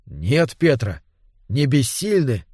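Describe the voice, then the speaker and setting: A man voicing a composed doctor who calmly reassures his frightened friend. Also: mid-range voice, slow, breathy edge, dry recording, studio quality, heavily acted. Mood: reassuring. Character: composed male doctor, shaken but steady. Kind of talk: audiobook character reading.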